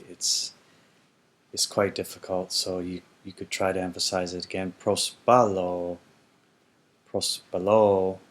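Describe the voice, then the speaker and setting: A man's voice: low-pitched, bright, forceful tone, a little hiss or hum. A man teaching ancient Greek grammar, speaking carefully and repeating words to model their pronunciation, with frequent ums and restarts. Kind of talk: explanatory grammar lesson.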